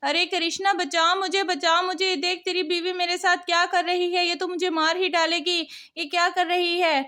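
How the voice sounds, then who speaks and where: A woman voicing a stern, quick-tempered older mother-in-law in a cartoon story. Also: very high-pitched, flat delivery, sharp tone. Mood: screaming.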